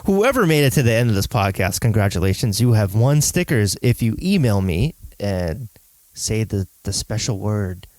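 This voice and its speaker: A man's voice: fairly low pitch, big pitch swings, moderate pace, darkish tone, no echo, poor audio. A man with a nasal voice, hosting a podcast in casual, chatty talk. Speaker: podcast host.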